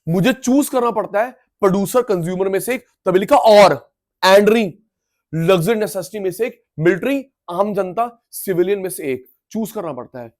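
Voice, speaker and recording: A middle-aged man teaching economics in an energetic lecture, loudly coaxing and quizzing his students. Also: high-pitched, normal speed.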